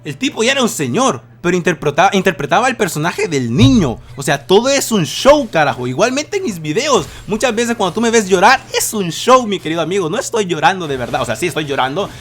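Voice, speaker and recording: High-pitched and sing-song, a bit bright, this youtuber in his twenties talks briskly with few pauses. He's in his bedroom answering viewers' questions for a casual vlog, swearing constantly and launching into dramatic rants.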